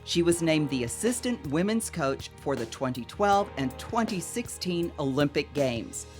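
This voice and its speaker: A woman reading scripted documentary narration in a measured, even way. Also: low-pitched. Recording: music bed under narration.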